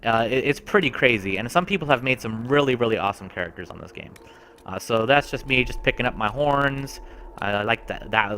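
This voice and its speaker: Man, game reviewer, casual chatty commentary, lowish pitch, forceful bright tone. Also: a little hiss or hum. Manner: chatty and enthusiastic.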